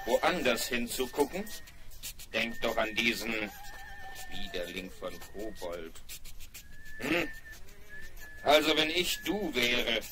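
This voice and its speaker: A man's voice: mid-range voice, lightly acted. A man voicing a cautious, well-meaning toy friend in a 1970s radio play, worried and hesitant as he gives advice. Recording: hissing old vinyl record.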